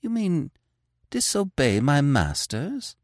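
A man's voice: mid-range voice, big pitch swings, a little slow, dry recording, studio quality, pitched above the performer's own voice. A man voicing a reserved male servant magician who speaks in a restrained, anxious way, afraid of his masters. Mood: fearful.

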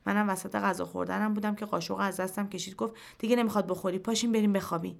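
A woman reading a short story aloud in first person, in a quiet, measured storytelling voice. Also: mid-range voice, fairly even intonation, vocal fry. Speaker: narrator. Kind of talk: scripted narration of a short story.

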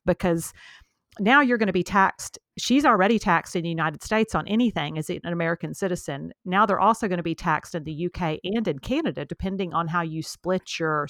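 A woman's voice: fairly low pitch, fairly bright tone, no echo. Opinionated woman podcast co-host, dry sound. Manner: opinionated, emphatic, laughs often. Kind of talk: casual chat.

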